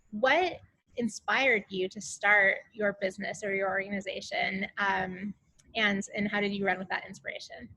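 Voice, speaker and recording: Woman, bright tone, panel moderator, many fillers, video call. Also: mid-range voice, low-quality recording. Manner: halting, friendly with many fillers. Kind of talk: panel discussion.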